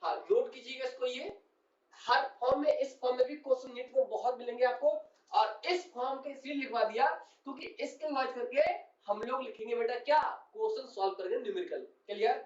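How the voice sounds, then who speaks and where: A man's voice: very high-pitched, fairly quick. A man teaching chemistry to a class, explaining step by step, repeating key terms and often asking whether students have understood. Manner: keeps checking understanding and calls students "son". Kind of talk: classroom lecture. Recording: roomy, distant and dull-sounding.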